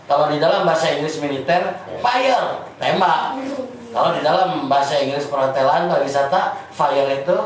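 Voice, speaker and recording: A man with a Sundanese accent teaching an informal class, chatty and halting, often repeating words. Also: a little high. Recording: echoey room, distant mic, faint noise.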